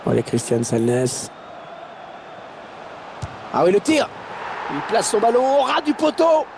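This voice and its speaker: A man commentating on a football match in an excited play-by-play style, his voice rising at chances and goals. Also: fairly high pitch, normal speed, crowd noise, noisy background, close to an everyday voice. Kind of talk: excited goal-call sports commentary.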